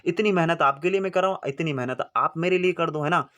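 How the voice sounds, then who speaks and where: A man's voice: fairly high pitch, quick pace, a bit bright. A young man, teaching exam memory tricks in a chatty, coaxing way, repeating points and asking rhetorical questions. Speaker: exam-prep tutor and channel host. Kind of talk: informal teaching to camera.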